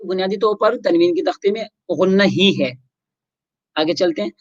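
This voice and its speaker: A Quran recitation teacher running a tajweed lesson, chanting syllables slowly in drills and explaining rules in quick asides. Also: mid-range voice, no room sound. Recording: dull lo-fi recording.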